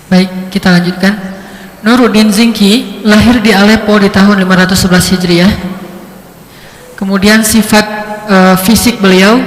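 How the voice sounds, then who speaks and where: A man giving a religious lecture, telling stories with lively shifts in pitch. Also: normal speed, long pauses. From Indonesia. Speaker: preacher. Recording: echoey hall.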